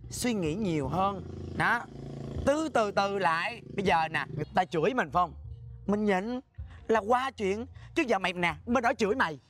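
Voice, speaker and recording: Man acting a flamboyant comic nag, high voice, fast, theatrical. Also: fairly bright tone. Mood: lecturing. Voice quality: sassy, nagging, theatrical. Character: sassy, sharp-tongued flamboyant man. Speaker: comedy sketch actor. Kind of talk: comic scolding rant.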